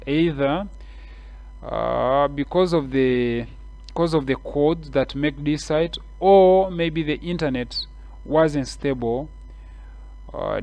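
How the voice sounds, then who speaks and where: Speaking with a Kenyan English accent, a man walks viewers through a screen-share tutorial one step at a time, explaining things in a relaxed way, repeating himself and using lots of fillers. His voice sits on the high side, and there's no room sound.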